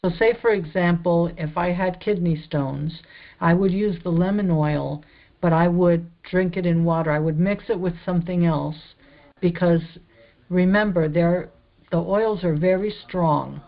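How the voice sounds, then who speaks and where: A woman's voice: on the low side, a little slow, phone-quality sound. A woman teaching about healing in a casual, rambling, explanatory way with many fillers.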